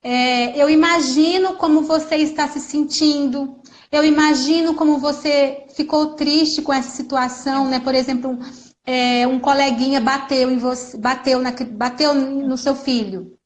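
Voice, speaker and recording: Brief: high-pitched woman, earnest, conversational parenting talk. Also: fairly even intonation, a little slow. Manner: earnest, acts out gentle mother quotes. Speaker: guest speaker on parenting. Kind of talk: casual conversation.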